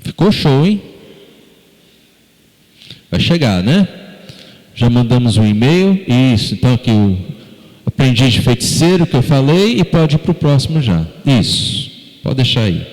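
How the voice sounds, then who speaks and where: Slow-speaking Brazilian pastor in a reverberant church. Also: male voice, medium pitch, big pitch swings, darkish tone. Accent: Brazilian Portuguese. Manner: conversational, questions the congregation. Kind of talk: sermon. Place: church sanctuary. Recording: long church-hall reverb.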